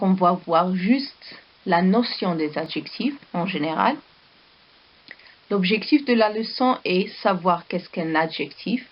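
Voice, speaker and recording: A woman teaching a primary school lesson with a Moroccan French accent, dictating words slowly and repeating each one. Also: mid-range voice, lo-fi sound. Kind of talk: slow recorded classroom lesson.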